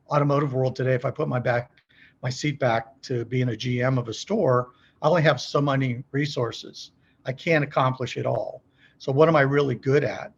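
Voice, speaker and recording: A middle-aged company executive, appearing as a podcast guest, explains business practice in a folksy, conversational way, often posing questions and checking in with the listener. His medium-pitched voice has vocal fry and slight roughness, and the sound is lo-fi.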